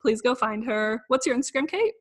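A woman's voice: fairly high pitch, lively intonation, brisk. A woman hosting a podcast, bubbly and giggly, chatting casually with many fillers. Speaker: podcast host.

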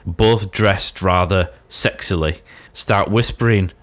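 Deep-voiced man in casual chat. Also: slow pace, fairly bright tone. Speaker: podcast co-host. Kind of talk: casual chat reviewing a TV episode.

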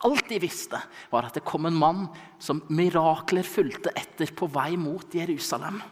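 A young man delivers a sermon, his voice somewhat higher than most men's. He tells the story dramatically, jumping between loud calls and near-whispered asides. A long church-hall reverb trails after each phrase. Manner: dramatic storytelling with sudden loud and hushed turns. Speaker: preacher.

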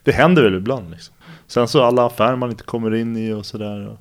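A man in his thirties, a guest on an interview show, telling stories in relaxed, rambling conversation full of fillers and slang. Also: medium pitch. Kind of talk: casual conversational storytelling.

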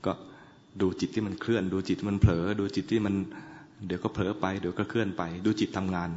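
A man who is a Buddhist monk, giving a dharma talk, chanting in a measured tone and explaining with dry humor. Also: low-pitched, level tone, darkish tone. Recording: dull lo-fi recording in an echoey hall.

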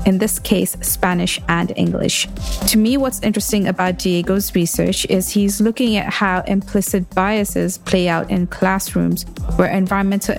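A woman hosting an interview podcast, reading an enthusiastic intro before talking with her guest. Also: lowish voice. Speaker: podcast host.

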